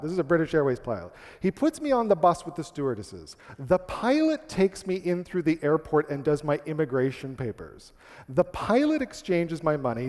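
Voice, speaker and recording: A man's voice: a little high, darkish tone. A man from Canada telling a comic, self-deprecating story on stage as a speaker. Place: large hall, on stage. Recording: long hall reverb.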